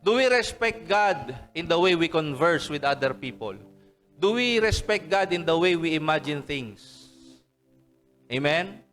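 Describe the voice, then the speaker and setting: High-voiced Filipino pastor preaching. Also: male voice, lively intonation, a little slow, a bit bright, soft background music. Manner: mixes English and Tagalog, asks the congregation for "Amen?". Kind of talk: sermon. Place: church service hall.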